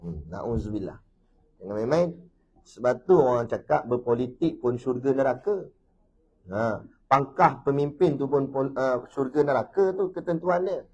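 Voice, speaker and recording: A man with a Malaysian Malay accent giving a religious lecture, animated, breaking into loud emphatic bursts and often dropping in "ha". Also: medium pitch, moderate pace, slightly rough, lo-fi sound. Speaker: religious teacher.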